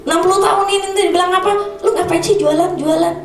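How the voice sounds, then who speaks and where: A high-pitched woman in her fifties preaches in a casual, lively way and slips into voices for the people she quotes. She is heard from some distance in an echoey hall, with instrumental music playing behind her. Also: quick pace. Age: 50s. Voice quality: slight cough. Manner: colloquial and animated, acting out quoted voices. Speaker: evangelist preacher. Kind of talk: sermon with personal testimony.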